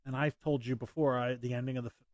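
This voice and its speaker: A man's voice: medium pitch, fairly even intonation, fast, a little mellow, no room sound. A man hosting a casual movie commentary, rambling with many fillers and restarts. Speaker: podcast host.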